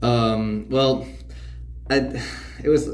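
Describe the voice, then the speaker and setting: A teenage boy, a student actor appearing as a podcast guest, chats casually and ramblingly, saying "like" constantly. His medium-pitched voice is steady and he draws out his words, with slight background noise.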